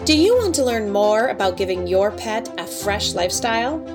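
A woman's voice: mid-range voice, lively intonation, moderate pace, loud music behind the voice. A woman reads a scripted podcast outro and informational disclaimer in a formal announcer manner. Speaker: podcast co-host.

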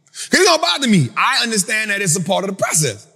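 A man hosting a finance talk for a live audience, in a casual, animated storytelling style that acts out other people. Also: high-pitched, fast talker, breathy edge, in a large hall. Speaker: finance speaker and host. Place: event venue with an audience.

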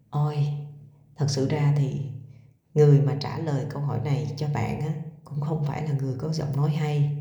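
A woman's voice: low-pitched, dark tone, roomy sound. A woman coaching on speaking voice, chatting directly to her listeners with frequent hesitation fillers. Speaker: voice coach and podcaster. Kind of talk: casual advice talk to viewers.

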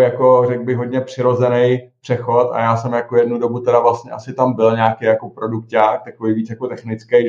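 A middle-aged man answers interview questions in a loose, halting way, full of fillers and restarted phrases. His delivery stays flat with little rise and fall. The recording is muffled and echoes around the room. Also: fairly low pitch. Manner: hesitant, many fillers and restarts. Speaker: tech executive guest. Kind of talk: casual interview talk. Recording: dull, roomy recording.

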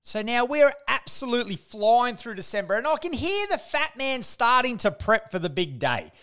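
A man's voice: very high voice, sing-song, moderate pace, sharp tone, smooth. An Australian man hosting a casual comedic podcast with slangy, sweary, blokey tradesman banter. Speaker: podcast host.

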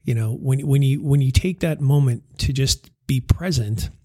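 A man's voice: mid-range voice, normal speed, dark tone, dry recording, studio quality. A man, a parent, telling a family story in a casual, rambling way, full of "you know" and "right?" asides and chuckling at his own mishaps before turning reflective.

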